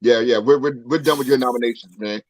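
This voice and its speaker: A man's voice: mid-range voice, fast talker, a little mellow, dry recording. A man co-hosting a casual podcast, teasing in a playfully mock-formal way. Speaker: podcast co-host. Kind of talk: casual chat.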